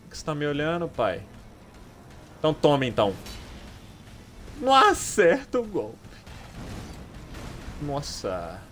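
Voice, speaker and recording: A young Brazilian man commenting live on his gameplay, fairly high-voiced and wildly animated. He swears freely and shouts at the enemies on screen. Faint noise sits under the recording. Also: a little slow, long pauses. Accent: Brazilian Portuguese. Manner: excitable, swears often, yells at enemies. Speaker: gaming streamer.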